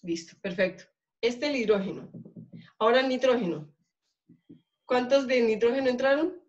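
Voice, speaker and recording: A woman's voice: fairly high pitch, normal speed. Colombian female chemistry teacher, classroom lecture, frequent check-in questions, muffled lo-fi sound. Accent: Colombian Spanish. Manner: checks in often with questions to students.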